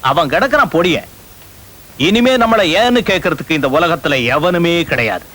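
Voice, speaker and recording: An actor playing a scheming corrupt estate manager who talks smoothly in a Tamil film. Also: male voice, on the high side, very animated, normal speed, bright, forceful tone, slight background noise.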